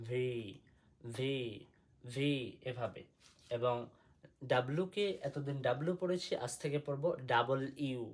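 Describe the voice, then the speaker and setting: A man's voice: mid-range voice, darkish tone. A man teaching English letter sounds in a patient lesson, repeating each one and asking the listener to say it back. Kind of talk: slow spoken English lesson.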